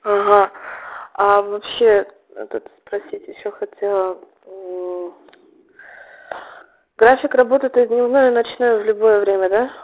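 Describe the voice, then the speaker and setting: A woman's voice: medium pitch, steady tone, unhurried, pauses often. A woman of nineteen calling over a landline phone, asking questions in a tentative, casual way. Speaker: caller enquiring about a job. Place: on a telephone line. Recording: muffled landline phone call.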